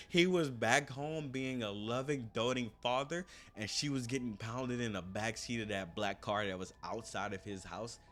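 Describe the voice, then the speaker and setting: A man's voice: fairly low pitch, slight background noise. A man telling a true-crime story in a comedic way, slangy and profane with joking asides.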